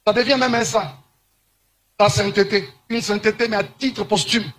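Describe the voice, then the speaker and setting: Man from Congo, higher-pitched, emphatic moralizing monologue to camera, drawn-out stresses. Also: steady tone, a bit bright. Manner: preachy, emphatic, slows to stress points. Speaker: commentator.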